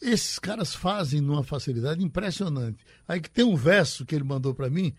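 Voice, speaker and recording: Husky-voiced man telling stories. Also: a little high, normal speed, no echo. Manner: relaxed, recites verse aloud. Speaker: radio host telling stories. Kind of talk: casual storytelling chat.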